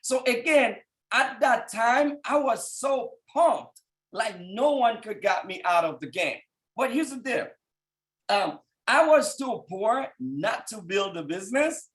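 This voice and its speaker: A very high, lively voice carries this slow motivational speech from a Haitian man in his thirties, addressing listeners on a call. Thickly accented and fervent, he rises to shouts at the climactic moments.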